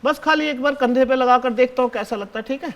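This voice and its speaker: The recording, which carries a little hiss or hum, catches a male actor voicing a chatty seventh-grade schoolboy in a live one-man play, speaking to the audience in an extremely high voice at a quick pace. He bosses his classmates, hushing and ordering them around. Toward his teacher he fawns, saying "sir" constantly.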